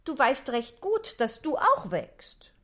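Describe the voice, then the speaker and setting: A man's voice: very high-pitched, wildly swooping pitch, slow, fairly bright tone, exaggerated voice. A man voicing a polite but bold young girl in a storybook reading, in a prim, earnest tone. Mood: indignant.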